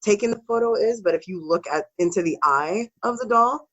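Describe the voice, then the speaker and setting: A woman's voice: medium pitch, a little fast, fairly bright tone, highs cut off. A woman co-hosts a casual podcast and walks through spooky stories. Her voice sits in a middle register. She speaks loosely and swears freely. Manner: casual, swears, laughs between story beats. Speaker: podcast co-host. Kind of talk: casual storytelling podcast chat.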